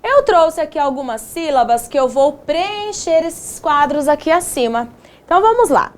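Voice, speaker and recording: A woman teacher giving a children's video lesson, stretching out syllables in a slow, sing-song way. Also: high voice, lively intonation.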